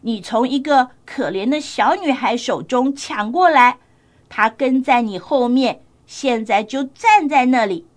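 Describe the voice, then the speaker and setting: A woman voicing a wise young princess in a children's storybook tale, gently reproachful in manner. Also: high voice, animated, measured pace.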